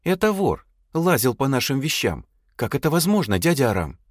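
A man's voice: medium pitch, sing-song, moderate pace, dry recording, studio quality, pitched above the performer's own voice. A man voicing a fierce, bold young woman who speaks sharply and indignantly.

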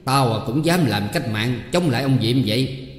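A man's voice: mid-range voice, animated, normal speed, close to an everyday voice. A man voicing a panicky old village official who whines and trembles. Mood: boastful. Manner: trembling, whining. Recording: echoey reverberant room.

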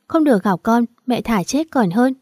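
A scheming mother who begs in a melodramatic, sobbing way, voiced by a woman reading the story. Her voice is fairly high with a dark, mellow tone. It is recorded dry. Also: expressive, normal speed, slightly rough, dry recording.

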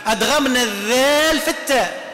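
A man's voice: very high voice, brisk, bright, forceful tone. A man with an Algerian Arabic accent teaching a class, asking questions and answering them himself, repeating each term. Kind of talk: classroom lesson. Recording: echoey hall reverb.

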